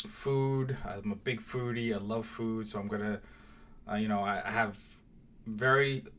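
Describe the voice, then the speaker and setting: A man's voice: fairly low pitch, a bit bright. Hesitant young man vlogging casually. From Mauritius. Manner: hesitant, many fillers and restarts. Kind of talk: casual direct-to-camera intro.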